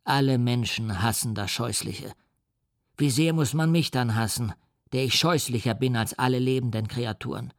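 A man voicing a huge, wretched male creature who speaks in a grave, measured and threatening way. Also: medium pitch, no room sound, studio quality, natural voice. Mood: bitter, threatening.

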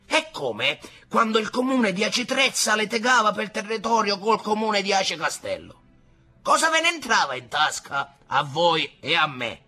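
A sly old fisherman patriarch, put on by a male reader, drawling slow and knowing with a sneer. His husky, bright voice carries a dry scorn. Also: high voice, very animated, soft background music, pitched above the performer's own voice, heavily acted.

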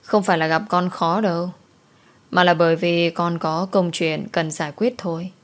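A woman voicing a gentle young master who pleads earnestly with his mother. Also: fairly low pitch, fairly even intonation, normal speed, close to an everyday voice. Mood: pleading.

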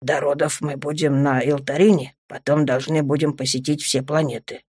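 A dark alien lord murmurs in a low, hushed voice that is tender and teasing, as a woman reader puts him on. The storybook voice is close and dry, with no room sound. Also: flat delivery, normal speed, slightly rough, no room sound. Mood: calm reassuring.

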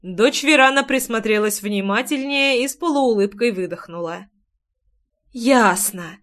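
A woman narrating a first-person audiobook in an even, measured storytelling manner. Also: a little high.

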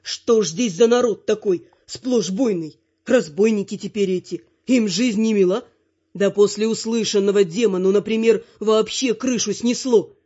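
A woman narrating a fantasy audiobook with even, expressive storytelling. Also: medium pitch, normal speed, husky, muffled recording.

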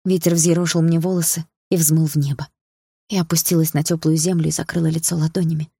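A woman narrating an audiobook in an even, measured storytelling voice. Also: low voice, creaky, husky, dry recording, clean studio sound. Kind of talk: scripted narration.

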